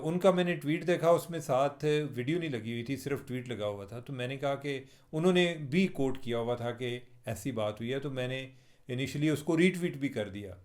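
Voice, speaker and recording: A man's voice: on the high side, darkish tone. A man from Pakistan with a Pakistani Urdu accent, giving chatty, wry commentary to his viewers as a journalist on his own channel. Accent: Pakistani Urdu with Punjabi touches. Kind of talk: casual spoken commentary vlog.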